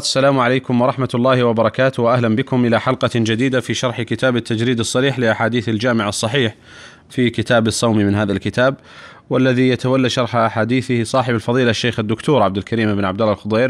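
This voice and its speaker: A man hosting an Arabic religious program, giving a brisk, formal introduction and welcoming the scholar. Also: medium pitch, fairly even intonation. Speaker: radio program host.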